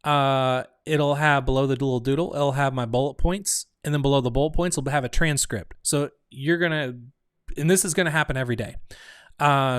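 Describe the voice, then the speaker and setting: A man's voice: mid-range voice, smooth, no room sound, clean studio sound. A man hosting a casual live stream for his online community, rambling and thinking aloud, often restarting his sentences. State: hiccuping. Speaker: community host.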